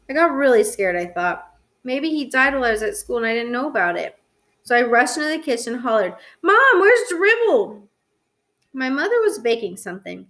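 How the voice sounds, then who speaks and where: A woman reading a children's chapter book aloud in an expressive storytelling voice. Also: fairly high pitch. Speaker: reader.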